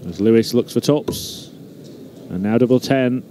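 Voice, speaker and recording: A man's voice: medium pitch, measured pace, background noise. A man giving live sports commentary as a darts commentator.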